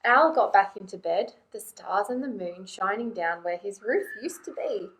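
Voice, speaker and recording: A woman reading a picture book aloud to young children in an expressive way, often turning to them with questions. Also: medium pitch, moderate pace, slight background noise, poor audio. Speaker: children's librarian and storytime presenter.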